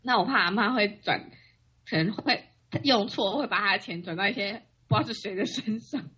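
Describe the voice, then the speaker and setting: A woman co-hosting a casual chat, telling her stories animatedly and mimicking others in a high voice. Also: a little fast, bright, forceful tone, husky. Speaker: podcast co-host. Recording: dull lo-fi sound.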